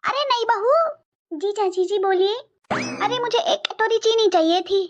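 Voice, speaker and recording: A woman voicing gossiping relatives in a cartoon family skit, in an animated way. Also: very high-pitched, measured pace, slight background noise. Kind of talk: comic cartoon voice acting.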